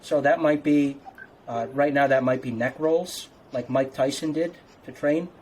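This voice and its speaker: A man's voice: mid-range voice, steady tone, unhurried, darkish tone, slight background noise. A man talking casually like a fitness coach, giving instructions step by step.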